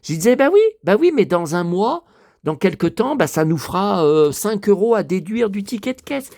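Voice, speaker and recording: A man's voice: high-pitched, big pitch swings, normal speed, a little mellow, no echo, clean studio sound. A man in his fifties talking casually to the camera at home as a vlogger, rambling and swearing often while showing his shopping. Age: 50s. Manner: breathless from carrying heavy bottles. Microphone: handheld camera held while talking.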